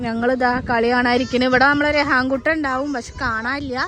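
A woman's voice: sits high, fairly even intonation, a little fast, fairly bright tone. A woman vlogger chatting casually to viewers as friends while outdoors. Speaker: family vlogger. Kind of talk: casual chat to camera on an outing. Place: outdoors in wind, on outings. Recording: very noisy windy outdoor recording.

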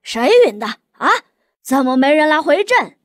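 A woman voicing a hot-tempered middle-aged male emperor who shouts at his sons, in an audiobook. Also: a little high, animated, moderate pace, no room sound, studio quality, natural voice. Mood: furious. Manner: shouting, furious, blustering. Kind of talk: audiobook character voice.

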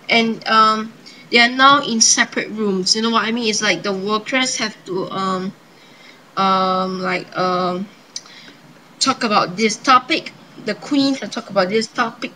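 Young woman, bright tone, halting casual demonstration, improvised patter, slightly noisy home recording. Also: a little high. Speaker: amateur magician presenting a card trick. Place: indoors at a table.

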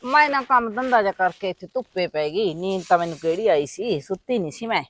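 Lively older Punjabi mother, dry sound. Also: medium pitch, a little fast, dry recording. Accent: Punjabi (Malwa). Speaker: actor playing the mother.

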